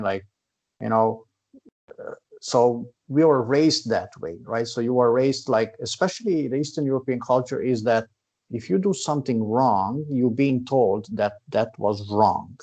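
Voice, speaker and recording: A karate instructor from Transylvania, Romania, whose first language is Hungarian, explains things earnestly and at length in casual conversation, repeatedly checking in with "right?" His voice sits on the low side with a darkish tone.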